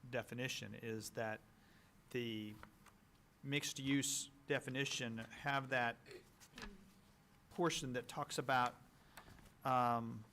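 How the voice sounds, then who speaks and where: A man on a town's planning staff, explaining policy to a council in a halting, explanatory way on a meeting microphone. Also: mid-range voice, steady tone, sharp tone, a little hiss or hum. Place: town meeting room.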